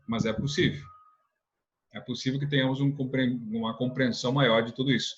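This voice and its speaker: A religious instructor teaching a church lesson speaks with a medium-pitched, steady male voice at a fairly quick pace, on dull-sounding audio. He is earnest, posing rhetorical questions and often tacking on a tag question.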